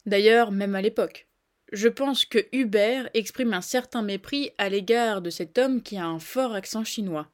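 A woman's voice: medium pitch, normal speed. A woman hosting a scripted podcast, explaining a phrase in a playful, chatty way and talking straight to the listeners. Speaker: podcast host.

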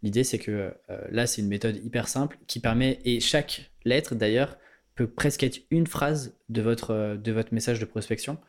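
A man's voice: mid-range voice, moderate pace. A man hosting a podcast interview, talking casually and rambling, with many fillers and restarts. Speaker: podcast host.

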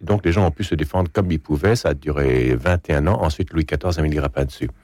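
A man's voice: extremely low pitch, quick pace, a little mellow, no echo, clean studio sound. A man with a Québécois French accent, a guest on a radio interview, explaining at length in a thoughtful way with frequent hesitations. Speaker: guest journalist and essayist.

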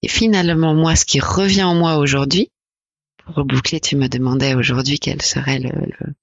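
A woman in her forties from France, a podcast guest talking reflectively and hesitantly about her life, with many pauses and fillers. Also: deep voice, fairly even intonation, vocal fry, slightly rough, dry recording, muffled recording. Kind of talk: personal interview conversation.

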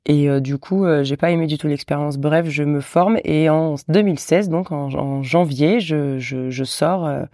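A woman in her thirties, a wedding officiant, telling her story as a guest in a casual podcast chat, lively and full of restarts. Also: low-pitched, normal speed, few pauses, no echo, studio quality.

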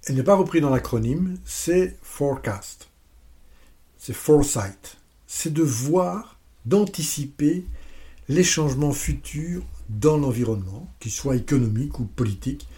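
A man presenting a business lesson step by step, with playful, self-mocking asides. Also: mid-range voice. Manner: steady step-by-step explaining.

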